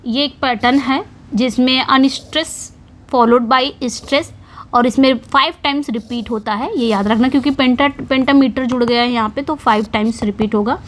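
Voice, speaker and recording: A woman teaching English literature for exams, explaining each question in Hindi and reading the English slowly, repeating key words as she writes on a board. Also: sits high, steady tone. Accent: Indian English. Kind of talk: exam-prep lesson.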